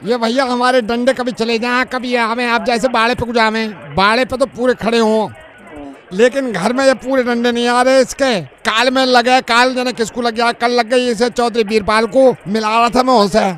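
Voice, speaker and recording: A man's voice: high-pitched, unhurried. A man playing a confused old villager who rambles to a phone helpline about his signal. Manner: rustic, rambling, bewildered.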